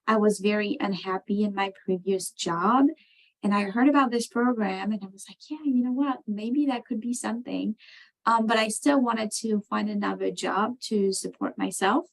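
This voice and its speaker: A woman from France, answering interview questions on a video call, talking thoughtfully with many pauses and fillers. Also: mid-range voice, creaky, poor audio. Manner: thoughtful, many ums and you knows. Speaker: program participant.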